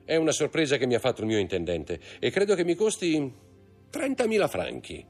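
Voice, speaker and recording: A man's voice: mid-range voice, huge pitch swings, soft background music, pitched above the performer's own voice. A man voicing a composed, enigmatic wealthy nobleman who speaks courteously and measuredly for an audiobook. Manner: courteous, measured, commanding to servants. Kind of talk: audiobook character voice.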